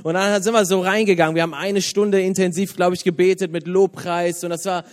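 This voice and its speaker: A man's voice: high voice, a little fast, in a large hall. A man in his thirties, a youth pastor, giving a casual, joking sermon in church. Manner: chatty, joking, lively, laughs often. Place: church hall.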